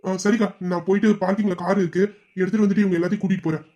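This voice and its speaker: A woman's voice: medium pitch, steady tone, rapid-fire, mellow, voice pushed down, natural voice. A woman voicing a dutiful, deferential young man who meekly agrees to every order in an audio drama. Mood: obedient. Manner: meek, obedient replies.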